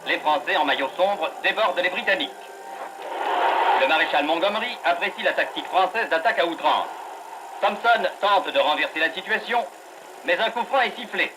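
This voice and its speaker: A man giving brisk, emphatic old newsreel commentary on an old film soundtrack. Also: sits high, animated, background noise. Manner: brisk, emphatic announcer delivery.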